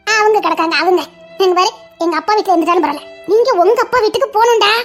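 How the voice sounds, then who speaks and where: A very high, light-voiced young sister-in-law, played by a woman who soothes and coaxes with soft affection. She is caring and a little playful, speaking gently in this audio drama. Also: rapid-fire, faint music behind. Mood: coaxing.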